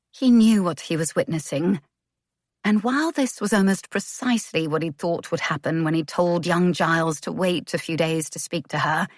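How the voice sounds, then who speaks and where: A woman narrating a romance audiobook in a measured, gentle way. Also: on the low side, no room sound, studio quality. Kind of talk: scripted narration.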